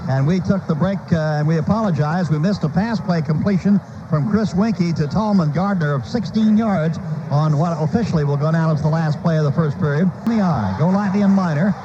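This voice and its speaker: Heard on a noisy, flat-sounding lo-fi radio broadcast, an American announcer gives play-by-play of a live football game. His voice leans high and moves fairly quickly, with terse, urgent, staccato lines.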